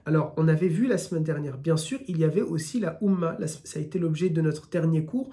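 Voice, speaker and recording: A man's voice: fairly high pitch, a little fast, dark tone. A man from France with an Occitan-tinged French accent, teaching a weekly religion lesson in short repeated phrases.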